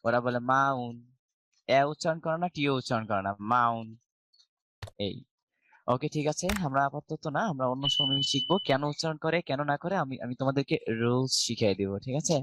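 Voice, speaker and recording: A man's voice: medium pitch, fast, fairly bright tone, slight background noise. A middle-aged man with a Bangladeshi accent teaching an online English grammar class. He explains step by step and asks the students questions, then answers them himself.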